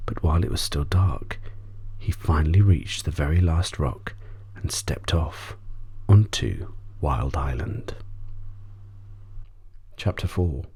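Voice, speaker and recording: Reading a bedtime story, a male audiobook narrator uses a very low, dark voice in soft ASMR style that frequently sinks to a whisper. The sound is husky and breathy, miked close on a dry recording.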